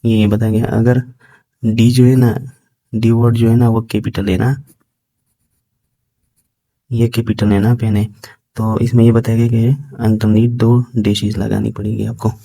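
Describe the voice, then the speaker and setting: Low, flat, very dark-voiced male teacher. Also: vocal fry. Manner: reads English text slowly, then explains in Hindi. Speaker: shorthand teacher. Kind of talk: casual explaining lesson.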